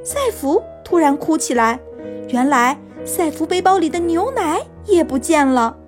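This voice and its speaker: A woman narrating a scripted children's story in an expressive storytelling manner, as if for young listeners. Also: high-pitched, unhurried, music in the background.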